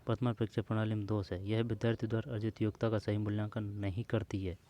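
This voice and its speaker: Low, mellow-voiced man teaching exam prep. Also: level tone, fast talker. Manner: informal, addresses listener as यार and भाई, repeats options while checking answers. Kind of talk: solving old exam questions aloud.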